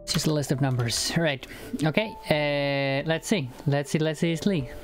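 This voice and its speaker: Speaking at normal speed in a fairly high voice, an Icelandic-native young man chats casually while live coding on a stream, using a headset mic indoors at home. He fills his talk with fillers and restarts as soft music plays behind him.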